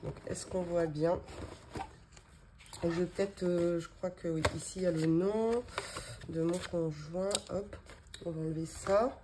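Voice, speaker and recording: A woman in her thirties vlogs from her indoor home office desk, unboxing and presenting budgeting binders in relaxed show-and-tell style. Her lowish voice is unhurried and fairly even, with long pauses, many fillers, small laughs, and background noise.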